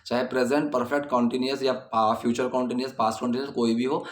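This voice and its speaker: A man teaches English grammar patiently, slowing down to read each example sentence. His voice sits at an ordinary middle pitch. The recording has a roomy echo. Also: flat delivery. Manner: explains patiently, repeating example sentences slowly. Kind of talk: explaining grammar in a video lesson. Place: indoors at night, dogs barking outside.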